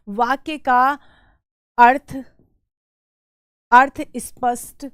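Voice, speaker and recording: A young adult woman teaching a lesson, slowly repeating key words and putting questions to her students. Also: high-pitched, fairly bright tone, smooth, dry recording, clean studio sound. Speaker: Hindi teacher. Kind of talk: exam-prep lesson.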